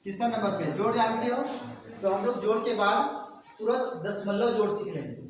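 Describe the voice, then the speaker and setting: A man's voice: high voice, moderate pace. A man teaching a maths class, repeating each term and having the students call it back. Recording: echoey room, mic far off, noisy.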